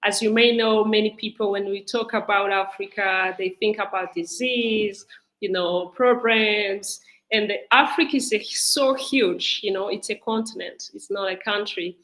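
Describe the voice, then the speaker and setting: A woman's voice: mid-range voice, steady tone, a bit bright, poor audio. Rwandan woman speaking earnestly on a call. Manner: earnest, halting with "uh" fillers. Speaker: travel company founder, guest. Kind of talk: video call interview. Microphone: video call.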